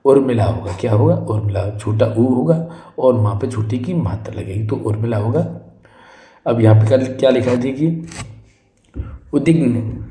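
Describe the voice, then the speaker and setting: A man leads a spelling drill for exam students in a warm, mellow voice. The room has a noticeable echo. He draws the words out slowly and keeps asking questions to check that the class is following. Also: medium pitch. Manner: drills each word slowly and repeatedly, asks the class questions. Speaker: Hindi teacher. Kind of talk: exam-prep spelling lesson.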